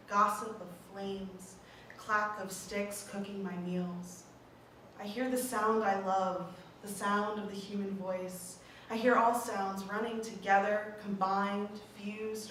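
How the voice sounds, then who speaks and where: Woman, steady poetry reader, recorded from a distance in a large hall. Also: mid-range voice. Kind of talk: poetry reading. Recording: echoey hall, mic far off, background noise.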